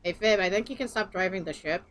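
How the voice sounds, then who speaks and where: A woman's voice: mid-range voice, fast talker, a bit bright. A woman giving casual, chatty gameplay commentary in a playful, exclaiming way. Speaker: game streamer. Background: game music.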